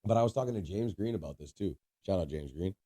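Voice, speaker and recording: Speaking fast with a warm, expressive low voice, this podcast co-host keeps the casual chat going by teasing his friend, laughing a lot and giving long explanations.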